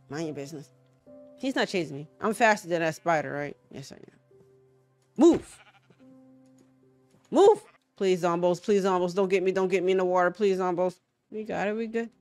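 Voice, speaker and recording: Excitable woman gamer yelling at monsters. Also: medium pitch. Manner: loud, excitable, yelps and swears at enemies; talks to the game creatures and her viewers. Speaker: gaming channel host. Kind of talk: casual gameplay commentary.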